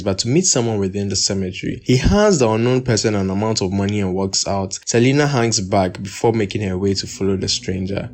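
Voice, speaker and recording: A man narrating a film recap in a steady, measured way, with personal asides and speculation. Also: lowish voice. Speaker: film reviewer. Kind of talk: movie recap and commentary voice-over.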